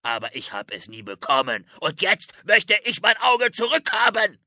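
A man doing a gruff old ice wizard. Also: high-pitched, sing-song, pushed and bright, no room sound, clean studio sound, exaggerated voice. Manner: curt, stern, slow at times. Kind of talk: audiobook character voice.

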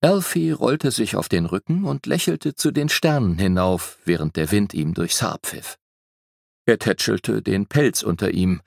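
Low gravelly male storyteller. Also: measured pace, dry recording, studio quality. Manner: lively storytelling with shifting pitch for emphasis. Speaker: audiobook narrator. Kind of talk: scripted narration of a children's fantasy book.

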